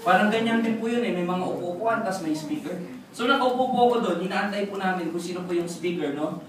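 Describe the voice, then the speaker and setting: A young man in his 20s gives a lively motivational testimony at a business seminar, telling jokey stories quickly in a high voice and repeatedly asking the crowd "right?" He is recorded from far away in a large, boomy seminar hall full of people, so the audio is very echoey and noisy.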